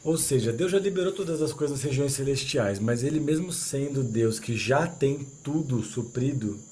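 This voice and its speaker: A man leading a church meeting, explaining a Bible passage in a relaxed, conversational way. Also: mid-range voice, moderate pace, a little hiss or hum. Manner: relaxed and conversational, full of tag questions. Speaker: leader of a church small-group meeting. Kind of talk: informal Bible teaching.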